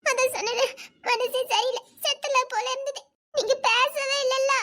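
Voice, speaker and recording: A woman's voice: very high voice, steady tone, moderate pace, fairly bright tone. A woman with a Tirunelveli Tamil accent playing a heartbroken young woman who pleads tearfully, with nervous laughs. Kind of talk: romantic short-drama acting.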